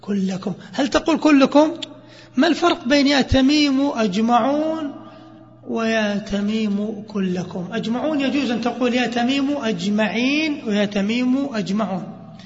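Male grammar teacher, high voice, quizzes the class, lo-fi hall recording. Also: moderate pace. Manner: lively, quizzes students with questions. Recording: dull lo-fi recording with hall reverb.

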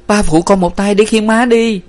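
A man puts on a grieving young daughter from a storybook, her voice lifted high and pleading. She speaks, tearful and urgent. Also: steady tone, moderate pace, darkish tone, natural voice. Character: distraught young woman, frightened grieving daughter.

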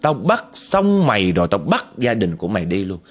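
A man voicing a husky vengeful female ghost. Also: medium pitch, big pitch swings, a little slow, darkish tone, faint music behind. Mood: furious. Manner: snarling, threatening. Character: vengeful long-haired female ghost with fangs.

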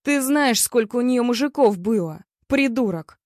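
A woman's voice: a little high, lively intonation, moderate pace, a little mellow, no room sound, studio quality, natural voice. A woman voicing a snarling, swearing young man in a fight. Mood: angry.

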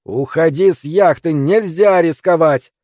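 A man voicing a stubborn, angry old former police chief who shouts in a strained way. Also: on the high side, measured pace, no room sound, studio quality, pitched above the performer's own voice, natural voice. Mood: shouting.

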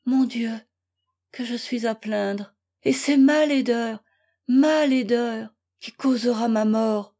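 A woman's voice: fairly high pitch, a little slow, warm tone. A woman reading an audiobook, voicing an anguished young wife who pleads in tearful prayer.

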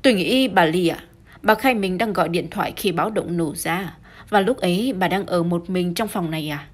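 A woman's voice: lowish voice, normal speed, natural voice. A woman voicing a firm, formal older police chief in an audiobook. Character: firm older male chief constable, impatient.

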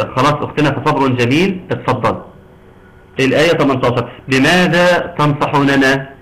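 During an online Quran tajweed lesson, a man with an Egyptian Arabic accent quizzes his students and cheers them on with frequent pious phrases. His voice is medium in pitch and a bit bright, and the recording quality is low.

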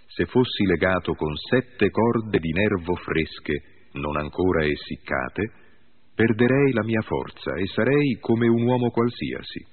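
A man reading the lines of a mighty biblical strongman, slow and measured, with a husky voice. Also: low voice, lively intonation, exaggerated voice. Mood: solemn. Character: mighty long-haired strongman Samson. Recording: tinny phone-like audio.

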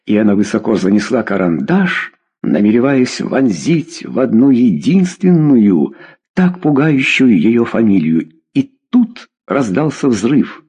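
A man narrating a crime novel as an audiobook, reading in an expressive, dramatic way. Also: mid-range voice, measured pace, slightly rough.

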